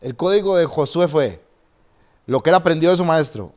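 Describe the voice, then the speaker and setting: A man who is a pastor, telling stories and preaching in a lively way and often restarting his sentences. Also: on the high side, normal speed. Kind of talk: animated storytelling and preaching in a podcast conversation.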